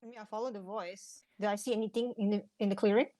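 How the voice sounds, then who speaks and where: A woman's voice: medium pitch, steady tone, quick pace, warm tone. A woman chatting casually as a player in a tabletop role-playing game.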